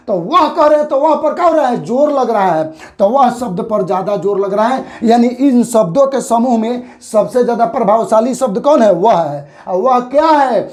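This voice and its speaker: A woman teaching a grammar lesson, asking questions and answering them herself, and slowly drawing out her example phrases. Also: fairly high pitch, darkish tone.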